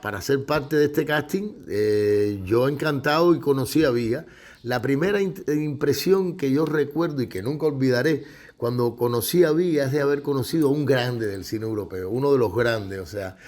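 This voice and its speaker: A middle-aged man answers interview questions about his past work. He speaks thoughtfully and with open admiration, often restarting a phrase as he gathers his thoughts. His voice sits in an ordinary middle pitch. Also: animated, normal speed. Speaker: interviewed actor and director. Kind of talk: reflective interview recollection.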